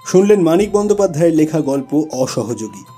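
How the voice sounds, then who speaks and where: A man with a slightly high, warm voice reads a short story aloud at a quick pace, very animated, as dramatic scripted narration. He's an audio story narrator and reader, recorded in an echoey, reverberant room with background music underneath.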